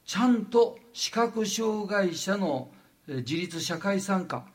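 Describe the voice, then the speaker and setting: Animated older Japanese lecturer, high voice. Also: male voice. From Wajima, Noto Peninsula, Japan. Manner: halting, many fillers, animated asides.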